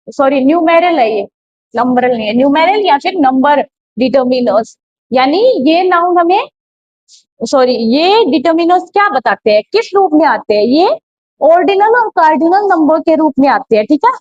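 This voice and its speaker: A woman's voice: sits high, no echo. A woman teaching grammar in a classroom lecture, explaining step by step and posing rhetorical questions. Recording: dull, slightly lo-fi, dry sound.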